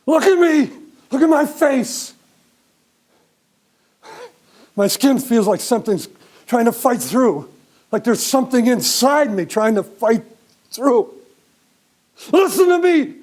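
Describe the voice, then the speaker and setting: Woman voicing an intense young woman, urgent, slow, high, swooping pitch. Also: expressive, a little mellow. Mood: frantic.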